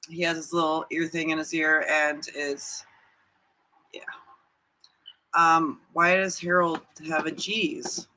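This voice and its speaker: A woman's voice: deep voice, flat delivery, takes it slowly, pauses often, pushed and bright, slight background noise, poor audio. A woman co-hosting a casual livestream chat, giggly and playfully teasing. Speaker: co-host.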